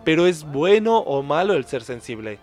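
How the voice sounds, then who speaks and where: A man's voice: a little high, very animated, moderate pace, darkish tone. A man hosting a podcast, talking casually and ending many points with "¿no?". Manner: conversational, many fillers and "no?" tags.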